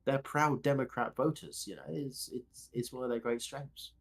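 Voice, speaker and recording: A male esports co-caster with a mid-pitched, everyday voice, laying out measured analysis. His delivery is dry and wry, with deadpan jokes slipped in. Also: vocal fry.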